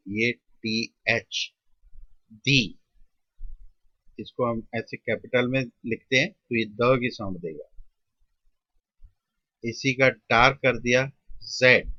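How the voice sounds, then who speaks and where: Male tutor, Indian accent, unhurried, bright voice; dry, muffled lo-fi recording. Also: mid-range voice, no room sound. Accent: Indian Hindi-English mix. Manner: slow, drawn-out, repeats each sound with pauses. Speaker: shorthand tutor. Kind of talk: step-by-step classroom explanation.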